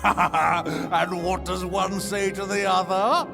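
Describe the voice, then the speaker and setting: An actor playing a giggly, self-satisfied male god of jokes with a gravelly, cackling laugh in a video game. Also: high voice, little pitch movement, slow, exaggerated voice. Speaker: god character. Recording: game audio with music.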